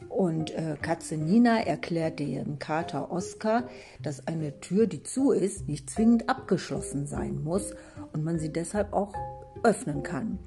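A woman's voice: sits low, expressive, measured pace, gravelly. A woman author introducing her story and talking reflectively about fantasy and boredom. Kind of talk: casual spoken introduction and comment. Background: guitar music.

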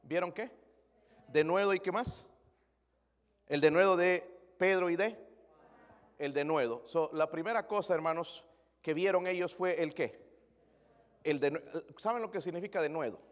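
High-voiced preacher in an echoing hall. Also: male voice, moderate pace, pauses often. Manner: preaching with rhetorical questions to the congregation; mixes English words into his Spanish. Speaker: pastor. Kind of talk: sermon.

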